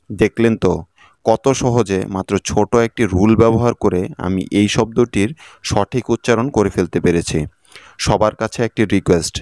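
Low, smooth male English tutor. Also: darkish tone, no room sound, studio quality. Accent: Bangladeshi Bengali. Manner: spells out letters, then sounds words out slowly. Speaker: English teacher. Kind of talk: scripted lesson narration.

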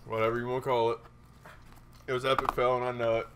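A man's voice: medium pitch, level tone, fast, a bit bright, clear, resonant tone. A man from the United States joking and teasing his friends in a casual gaming chat.

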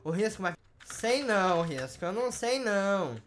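A woman's voice: mid-range voice, sing-song, normal speed, slight background noise. A woman with a Brazilian Portuguese accent, streaming a game and bossily scolding the players in a training she runs. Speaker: Roblox streamer running a rank training. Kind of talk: live gameplay commentary.

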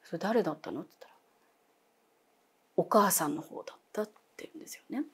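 A woman's voice: on the low side, lively intonation, fast talker, slightly rough. A young adult woman telling a ghost story as a guest, dramatic, dropping to whispers and acting out voices.

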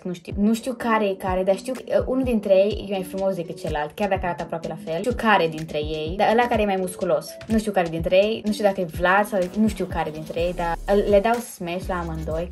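A woman's voice: mid-range voice, a little mellow. A young woman, chatting casually and hesitantly as the host of her own vlog. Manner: chatty and hesitant, many fillers and self-corrections. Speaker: YouTuber host. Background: background music.

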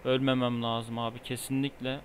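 A man's voice: mid-range voice, flat delivery, normal speed. A man giving casual commentary while he plays a game, often exasperated and annoyed. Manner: frustrated, exasperated muttering. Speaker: gamer. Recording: noisy, with game gunfire behind.

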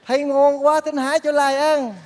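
An actor playing a kind-hearted bachelor neighbor in a stage comedy, talking in a soft, coaxing, earnest way. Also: male voice, very high voice, level tone, moderate pace. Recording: reverberant theater stage, faint music.

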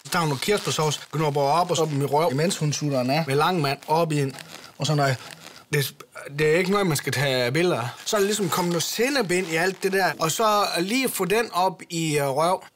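Male comic, voice pitched a bit high, rambles through a crude story with endless fillers. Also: a bit bright, slight background noise. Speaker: comedy character explaining.

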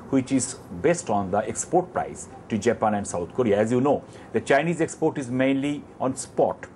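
A man in his fifties with an Indian English accent, a company chairman on a lapel mic in an office, explaining prices in a measured, detailed way with numbers and restarts. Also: mid-range voice, a little mellow, a little hiss or hum. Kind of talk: explanatory business interview. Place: office with armchair, indoors.

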